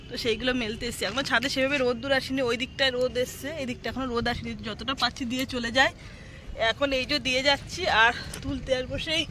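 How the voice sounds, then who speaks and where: Woman, hoarse from a cold, casual home vlog, fast talker, noisy background. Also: fairly high pitch. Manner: chatty, addresses viewers directly. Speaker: vlogger. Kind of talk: casual daily vlog chat. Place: at home, kitchen and rooftop. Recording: home recording with clear background noise.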